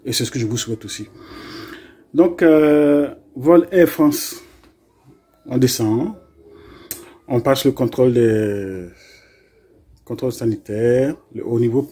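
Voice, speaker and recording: Guy from ivory coast telling a story, kinda husky, mellow tone, acts out the dialogue. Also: mid-range voice, measured pace, long pauses. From Côte d'Ivoire. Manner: lively storyteller acting out dialogue, with hesitations. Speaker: vlogger telling a personal story. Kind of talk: casual spoken anecdote.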